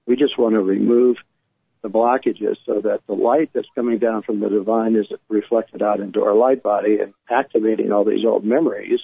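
Phone-like narrow sound, man, gravelly and dry, guided meditation, informal soothing instructions, repetitive phrasing. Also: on the low side, fairly even intonation, moderate pace, no room sound. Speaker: guest energy healer leading a guided relaxation. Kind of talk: spoken guided meditation with casual explanation.

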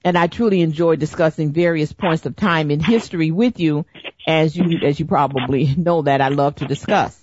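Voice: mid-range voice, moderate pace, darkish tone, breathy edge, dry recording. A middle-aged host on a talk broadcast, rambling and searching for words as they speak. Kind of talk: casual radio talk. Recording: dull lo-fi recording.

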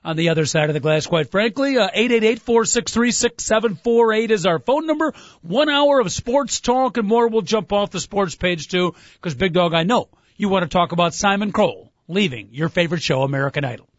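A man's voice: high voice, animated, fairly quick, hardly any pauses, no room sound, dull audio. A man hosting a sports talk show with wry, joking banter.

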